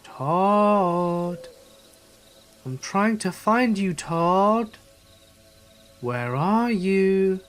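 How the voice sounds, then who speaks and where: A man voicing an unseen, inhuman voice in the woods that mimics a person calling out loudly. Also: high voice, animated, drawn-out words, long pauses, soft background music, voice pushed up, full character voice. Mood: calling eerily.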